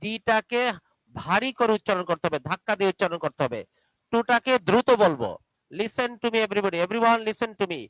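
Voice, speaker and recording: A man's voice: high-pitched, lively intonation, moderate pace, fairly bright tone, dry recording, low-quality recording. Bangladeshi guy teaching english online, patient, repeats stuff, dry close sound. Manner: patient, drills pronunciation, repeats words.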